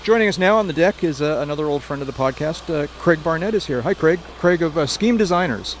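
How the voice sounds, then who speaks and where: A man's voice: on the high side, expressive, quick pace, background noise. Male podcast host introducing a guest. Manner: friendly interviewer, prompting questions. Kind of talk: casual outdoor podcast chat. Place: outdoor airfield deck.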